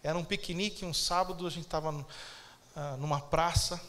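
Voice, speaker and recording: A man's voice: on the high side, moderate pace, pushed and bright. A man with a Brazilian Portuguese accent preaching a sermon as pastor, emphatic and calling out to the congregation for amens.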